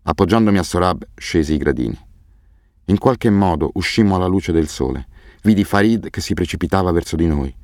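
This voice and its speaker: Man, very low voice, audiobook narration, grave and measured, dry close sound. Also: darkish tone, no room sound. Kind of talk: scripted narration.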